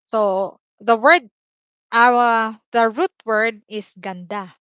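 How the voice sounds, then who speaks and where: Filipino woman teaching, smooth and dry. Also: fairly high pitch, steady tone, a bit bright, no room sound, muffled recording. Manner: explains slowly, repeating examples, many "no" and "okay" tags. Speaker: Tagalog teacher. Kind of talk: livestream language lesson.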